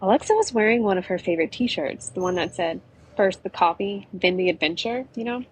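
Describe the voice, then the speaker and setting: A woman narrating an adventure in a relaxed, chatty way, often slipping in "you know". Her voice is husky and middle-pitched. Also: a little fast, low-quality recording. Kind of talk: storytelling narration.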